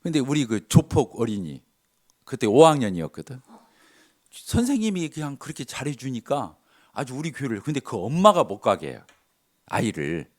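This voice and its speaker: A middle-aged male pastor tells church stories from the pulpit. His pitch rises and falls widely, and he acts out each person's words in a shifting voice. The pitch sits in the middle for a man. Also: moderate pace. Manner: animated, acts out dialogue with shifts of voice. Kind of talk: sermon storytelling.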